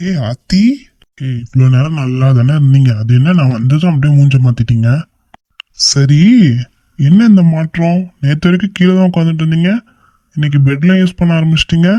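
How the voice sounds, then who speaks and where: A young man in a homemade cartoon, voiced by a man, slightly high-pitched. He bursts out with loud exclamations and teases his friends. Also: a little fast, no room sound, lightly acted. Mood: relieved chatter. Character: excitable young man, emotional and teasing. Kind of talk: amateur cartoon voice acting.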